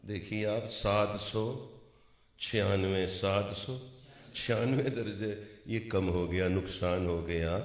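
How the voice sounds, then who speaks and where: Male mufti, lowish voice, instructive sermon with chanted drawn-out letters, echoey hall. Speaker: mufti giving a religious talk. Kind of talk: sermon on correct Quran pronunciation. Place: large mosque gathering.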